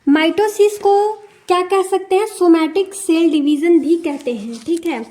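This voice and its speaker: A woman's voice: very high voice, a little slow, mellow. A young woman teaching an exam-prep lesson in a mix of Hindi and English, repeating key terms and often checking in with her listeners.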